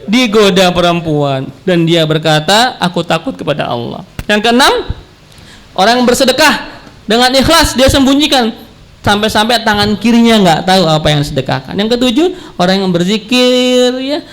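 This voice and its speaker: High-voiced guy preaching a sermon, jokey storyteller, keeps getting the crowd to answer back. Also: animated, moderate pace, fairly bright tone. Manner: playful, joking storyteller with big pitch swings; addresses audience directly, call-and-response.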